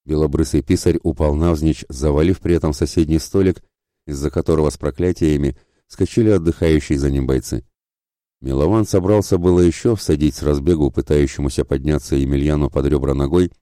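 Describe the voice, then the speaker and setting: A man narrating a fantasy audiobook in a steady storytelling manner. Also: very deep voice, a little fast, dry recording, clean studio sound. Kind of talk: scripted narration.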